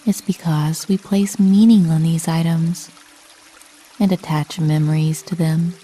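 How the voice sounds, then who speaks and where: A woman with a deep voice narrates a scripted sleep meditation like a bedtime story, calm and soothing, with measured delivery and long pauses. A little hiss or hum runs beneath the recording.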